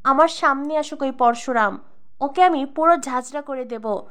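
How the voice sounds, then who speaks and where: A woman's voice: sits high, moderate pace, lightly acted. A woman reading the lines of a menacing older male crime boss from a serial, scornful and threatening.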